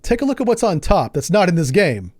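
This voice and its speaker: A man's voice: sits high, very animated, fairly quick, a little mellow, no room sound. Chatty man streaming a naval sim, dry sound. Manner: chatty, jokey, laughs often, thinks aloud. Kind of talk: casual live gameplay commentary.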